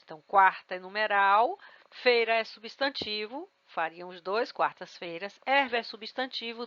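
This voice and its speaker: A woman's voice: medium pitch, a bit bright, dry recording, lo-fi sound. A woman teacher giving an exam-prep grammar lesson, explaining rules step by step and checking in with her students. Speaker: Portuguese teacher.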